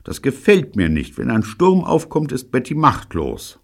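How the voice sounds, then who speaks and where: A man's voice: medium pitch, huge pitch swings, a little slow, pitched above the performer's own voice, heavily acted. A man voicing a worried boy in an audiobook who complains and frets. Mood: grumbling.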